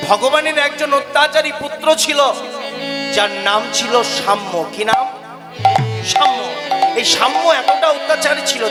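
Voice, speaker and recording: High-voiced kirtan storyteller, man. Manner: addresses listeners as mother, asks them questions; acts out the figures' voices with shouts and cries. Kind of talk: devotional kirtan storytelling to a live audience. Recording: loud instrumental music behind.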